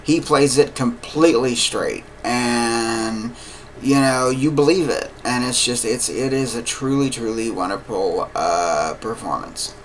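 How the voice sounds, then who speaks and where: A man giving a casual spoken film review, earnest and unhurried, with many fillers. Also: medium pitch, fairly bright tone, a little hiss or hum, low-quality recording. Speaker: movie reviewer.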